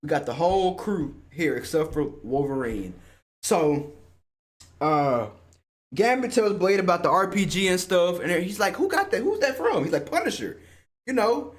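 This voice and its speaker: A man hosting a casual spoiler review of a film, excitable and slangy, swearing freely and often laughing. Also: high voice, moderate pace. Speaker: movie reviewer and host.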